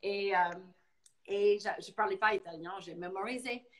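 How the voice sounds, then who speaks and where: Chatty American woman, animated storyteller. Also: medium pitch, moderate pace, poor audio. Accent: American English. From Boston, United States. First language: English. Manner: animated storyteller, mixing in English words. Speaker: guest. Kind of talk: casual live talk.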